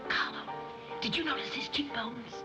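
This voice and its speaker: A woman's voice: high voice, moderate pace, close to an everyday voice, low-quality recording. An actress playing a scatterbrained, gushing society mother in a 1930s screwball film. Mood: flustered. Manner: flighty, gushing, giggly. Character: scatterbrained fluttery middle-aged society mother. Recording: old 1930s film soundtrack, music behind.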